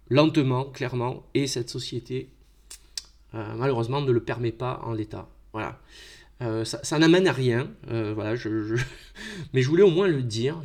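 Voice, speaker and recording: A man's voice: mid-range voice, darkish tone. Reflective French man musing alone. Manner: reflective, hesitant, many repeated words and fillers. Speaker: podcast host. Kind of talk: improvised solo podcast monologue.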